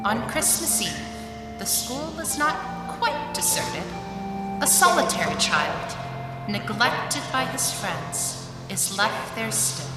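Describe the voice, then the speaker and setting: A woman's voice: medium pitch, big pitch swings, loud music behind the voice. Echoey Ghost of Christmas Past, a woman as stately spirit. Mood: grave. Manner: stately, formal, deliberate. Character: solemn, commanding female ghost of Christmas past. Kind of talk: 1940s radio play acting. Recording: echoey hall, distant mic.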